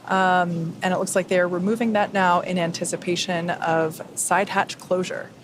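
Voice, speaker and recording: A woman giving live, unscripted webcast commentary, explaining procedures in a somewhat halting way. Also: fairly low pitch, fairly even intonation. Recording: faint background noise.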